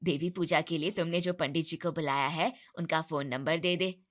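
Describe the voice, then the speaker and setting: A woman's voice: low-pitched, steady tone, normal speed, pitched below the performer's own voice, natural voice. A woman voicing an older neighbor woman who speaks with motherly concern, in a storybook narration.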